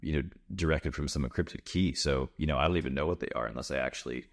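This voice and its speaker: A man hosting a podcast, asking his guest questions in relaxed, joking casual conversation. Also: rumbling low, fast talker, creaky. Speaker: podcast host.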